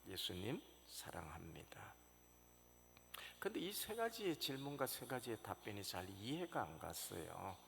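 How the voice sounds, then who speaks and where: A male pastor preaching a sermon in a church sanctuary, telling the story with sudden loud rises and hushed drops. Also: mid-range voice, sing-song, normal speed, vocal fry, few pauses. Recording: reverberant church hall, faint noise.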